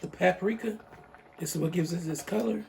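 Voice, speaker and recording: A young man with a high-pitched, darkish voice, vocal fry, and a groggy just-woke-up tone hosts a cooking video from his living room, a pot sitting on a hot plate. He talks at a normal speed, laid-back and chatty, calling his viewers y'all as he demonstrates a casual recipe. A little hiss or hum sits under the audio.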